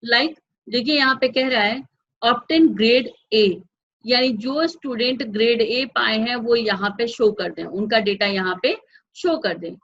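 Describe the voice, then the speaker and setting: A woman teaches a computer class as a step-by-step software lesson, patiently going through each step and making sure everyone keeps up. Her voice is a little high and fairly bright, at a moderate pace, and the audio sounds dull.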